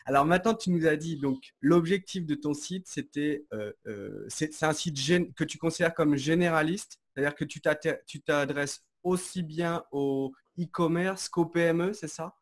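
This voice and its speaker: A man with a fairly high voice hosts an interview. He is friendly and chatty, and he talks his way into each question as he goes. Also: moderate pace, hardly any pauses. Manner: friendly, chatty, thinks aloud with fillers. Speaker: host, interviewer. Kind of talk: casual interview talk.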